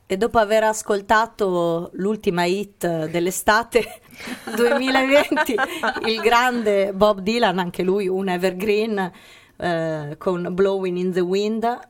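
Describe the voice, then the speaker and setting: A woman's voice: mid-range voice, slow pace. A woman hosting a casual radio interview through a face mask, talking playfully and wordily and often interrupting herself. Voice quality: slightly muffled by a face mask. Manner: playful, wordy, self-interrupting. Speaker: podcast host and interviewer.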